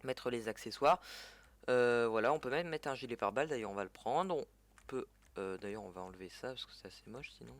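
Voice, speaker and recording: A French-speaking man who makes gaming tutorials talks through gameplay in casual, chatty French. His voice sits at a medium pitch and moves a little fast, and he keeps correcting himself and dropping in fillers.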